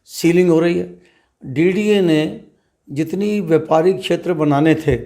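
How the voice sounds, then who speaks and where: Man, trade representative, interview guest, gravelly, slightly high pitch, emphatic. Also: warm tone. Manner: measured, emphatic, uses rhetorical questions. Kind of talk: interview answers.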